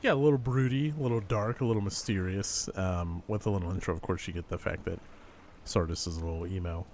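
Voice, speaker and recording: A man's voice: sits low, quick pace, darkish tone, slight background noise. A man hosting a tabletop game as game master, casually narrating and introducing characters.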